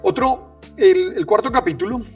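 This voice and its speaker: A man's voice: very high-pitched, big pitch swings, moderate pace, a little mellow, recorded from a distance, faint music behind. A man hosting an interview, talking with enthusiasm and often repeating words. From Caribbean coast of Colombia. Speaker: host. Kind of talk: casual interview chat.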